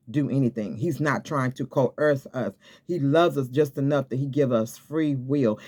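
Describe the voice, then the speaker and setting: Speaking to camera in a loose, sermon-like way, this man has a mid-range, somewhat dark voice. His delivery is repetitive and exhorting, full of restarts and frequent "okay?" check-ins.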